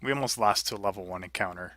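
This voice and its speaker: A man with a piercingly bright voice needles his fellow players bluntly. His pitch sits a little low. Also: rapid-fire. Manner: blunt, teasing. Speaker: tabletop game player. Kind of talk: casual chat after a game session.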